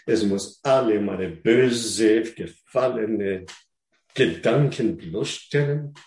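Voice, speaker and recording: Man, non-native German, sermon, slow deliberate delivery, halting and repetitive, echoey hall. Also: lowish voice, darkish tone. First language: not German. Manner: halting, repeats words, asks the listeners questions. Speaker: preacher.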